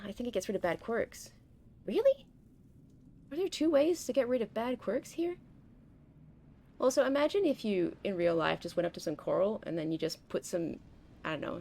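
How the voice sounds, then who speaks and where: A woman's voice: mid-range voice, vocal fry, mellow. A young woman streaming a game, rambling and chatting casually as she plays, often breaking off mid-sentence. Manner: rambling, self-interrupting, chatty. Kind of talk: casual gameplay commentary.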